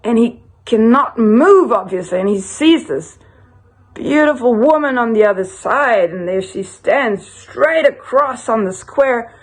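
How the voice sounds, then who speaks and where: Husky woman telling a rambling joke. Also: fairly high pitch, measured pace. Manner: rambling, animated, many restarts. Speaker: storyteller.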